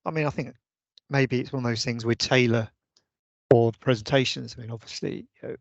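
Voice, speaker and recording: A man's voice: medium pitch, steady tone, a little fast, gravelly, dry recording, highs cut off. A man on an online meeting call, suggesting ideas in a hesitant way with many restarts. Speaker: vice chair of a users' group meeting. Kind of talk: casual online meeting discussion. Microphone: video call.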